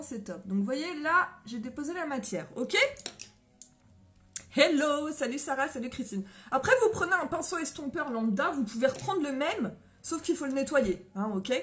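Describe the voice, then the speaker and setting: High-voiced chatty French woman. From France. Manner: chatty, greets viewers by name, laughs often. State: coughing after a run. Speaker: makeup seller doing a live tutorial. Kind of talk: casual live-stream makeup tutorial.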